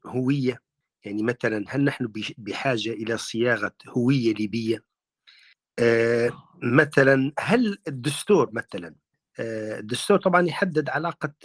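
A man with a Libyan accent, calling in to a talk show and asking questions in a measured, formal way. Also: medium pitch, dry recording. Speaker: caller.

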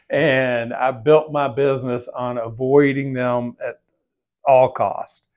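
An older man co-hosting a finance podcast in casual conversation, speaking haltingly and repeating words. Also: mid-range voice, fairly even intonation, lo-fi sound. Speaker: podcast co-host and veteran financial advisor.

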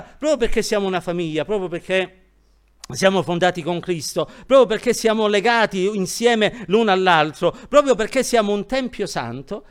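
Animated preaching man, high lively voice. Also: clean tone. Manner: animated preaching with rhetorical questions. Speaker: pastor. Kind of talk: sermon.

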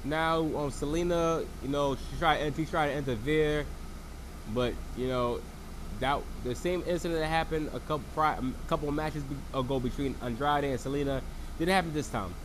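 Fighting a cold, a man with a froggy, fairly high voice rambles through a casual solo wrestling show recap at a moderate pace. He's full of fillers and restarts, and background noise runs underneath.

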